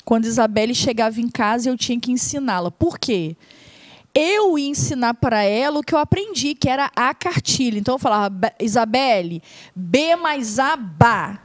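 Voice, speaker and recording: Animated high-voiced woman. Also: fairly quick, no room sound. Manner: animated storyteller, lively and laughing. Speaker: mother and co-host. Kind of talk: casual chat.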